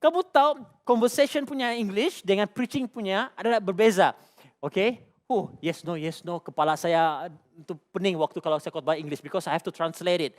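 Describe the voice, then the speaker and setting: A man's voice: high voice, fairly quick. A middle-aged man with a Malaysian accent preaching a sermon as lead pastor, conversational and full of personal stories, often asking the congregation questions. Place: church stage.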